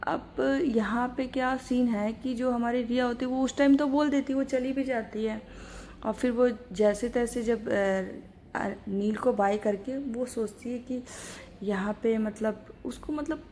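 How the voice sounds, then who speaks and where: A woman's voice: on the high side, darkish tone, a little hiss or hum. A woman retelling a college love story in a chatty, casual way, full of fillers. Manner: chatty, filler-heavy, says "our" for characters.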